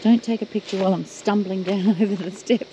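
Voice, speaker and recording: A woman's voice: mid-range voice, steady tone, normal speed, mellow, low-quality recording. An Australian woman chatting casually as she tours outdoors, laughing often and pointing things out. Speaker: travel vlogger. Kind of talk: casual chat while touring. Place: outdoors, driving the beach and walking bush tracks. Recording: outdoor video with noticeable background noise.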